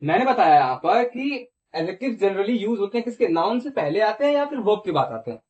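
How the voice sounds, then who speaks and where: High-voiced male grammar teacher. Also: very animated, brisk, darkish tone, lo-fi sound. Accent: Indian. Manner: asks questions and answers them himself; repeats phrases and checks in with "theek hai". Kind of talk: classroom lecture.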